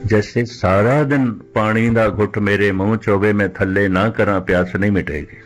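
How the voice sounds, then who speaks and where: A man preaching a religious discourse in a measured, deliberate way, slowing right down when he quotes scripture. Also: fairly low pitch, fairly even intonation, soft background music. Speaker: Sikh preacher.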